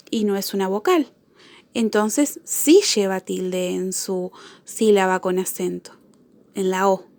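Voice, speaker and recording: A woman teacher giving a spelling lesson to children, repeating each example word slowly and carefully. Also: mid-range voice, a little mellow, no echo.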